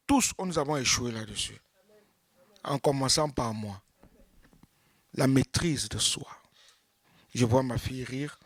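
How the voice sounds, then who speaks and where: A man preaching a sermon as pastor, acting out little scenes of churchgoers and swinging from loud exclamations to hushed tones. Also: a little high, dry recording, studio quality.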